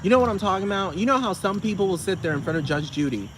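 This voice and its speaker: A man's voice: sits high, animated, very fast, background noise. A man from the United States on a casual, rambling rant, sassy and profane, often asking rhetorical questions.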